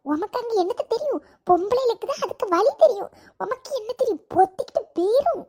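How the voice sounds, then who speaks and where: Sobbing, scolding wife. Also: female voice, very high voice, lively intonation, fast, dark tone. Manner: sobbing while scolding, laughing through tears. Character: tearful village wife grieving lost treasure. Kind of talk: cartoon voice acting.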